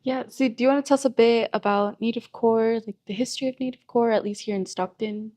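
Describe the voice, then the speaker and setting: A woman's voice: a little high, fairly even intonation, a little fast, mellow. A woman co-hosting a podcast interview, asking questions in an easygoing way with frequent fillers. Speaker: podcast co-host.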